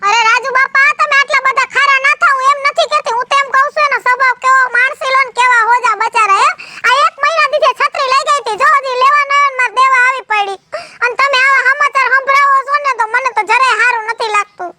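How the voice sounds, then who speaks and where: A woman's voice: very high voice, fairly even intonation, fast talker, background noise. A woman playing a sympathetic village woman who pleads with an old neighbor in a chatty way. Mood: pleading. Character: soft-hearted young village woman.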